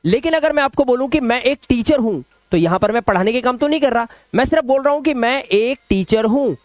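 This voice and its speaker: A man's voice: very high voice, lively intonation, a little fast, dry recording. A male teacher giving a beginner language lesson in a patient, repetitive way, often telling listeners to pay attention. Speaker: English teacher.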